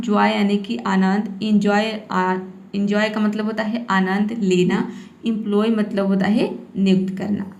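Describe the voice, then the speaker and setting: A woman teaching English pronunciation rules step by step, often adding a quick "theek hai" to check in. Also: fairly high pitch, roomy sound. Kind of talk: spoken phonics lesson.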